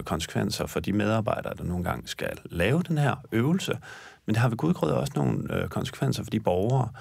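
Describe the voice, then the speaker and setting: A man arguing his point forcefully as a guest on a panel. His voice is low, husky and gravelly. The sound is close and dry. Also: no echo. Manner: emphatic and forceful in argument. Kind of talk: panel discussion.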